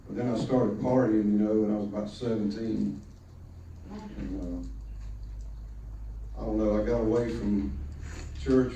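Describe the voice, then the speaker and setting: A man giving a halting personal testimony at church, heard through a low quality stream of the recording. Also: warm tone, very echoey, recorded from a distance, a little hiss or hum, low-quality recording. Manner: halting, many fillers and restarts. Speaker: podcast host giving testimony.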